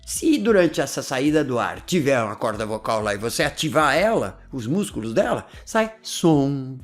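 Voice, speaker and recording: A man's voice: medium pitch, big pitch swings, normal speed, faint music behind. A man, hosting a casual explanatory talk. He is chatty, laughs often, and keeps checking in with his listeners. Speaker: host explaining language learning.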